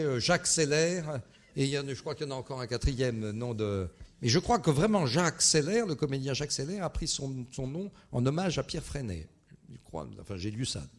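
Brief: husky male game leader, animated, stumbling restarts, rising excitement. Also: medium pitch. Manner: animated, hesitant, with many restarts and fillers. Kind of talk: leading a word game with an audience.

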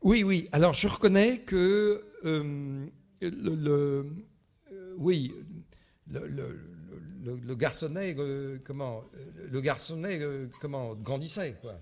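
A man leading a wordplay game with an audience, animated and hesitant, full of restarts and fillers. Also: a little high, slow. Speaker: word game leader.

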